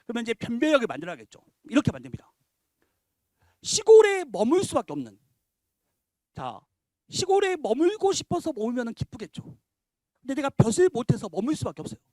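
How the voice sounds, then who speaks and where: Lively, emphatic male Korean teacher. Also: extremely high pitch, brisk, long pauses, no echo, studio quality. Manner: rhetorical questions, defines terms step by step; animated, emphatic lecturing. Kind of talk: exam prep briefing for parents.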